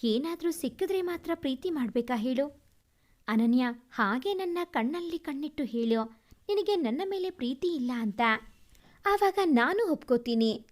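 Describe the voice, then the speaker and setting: Woman doing a soft caring young husband, storybook reading, higher voice. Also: expressive, normal speed. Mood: tender, coaxing. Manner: earnest, reassuring.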